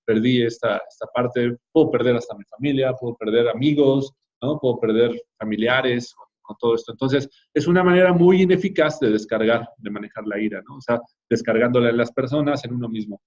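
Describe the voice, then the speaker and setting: A Bible class teacher with a Mexican Spanish accent talks casually to his church class, addressing them directly and tossing in frequent tag questions. His middle-pitched, darkish voice moves a little fast with few pauses. The recording is somewhat dull and lo-fi.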